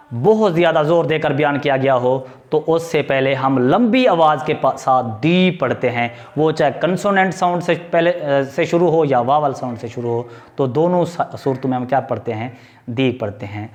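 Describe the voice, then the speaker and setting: A man with a fairly high voice teaches English grammar on video. Patient and repetitive about key points, he asks questions only to answer them himself.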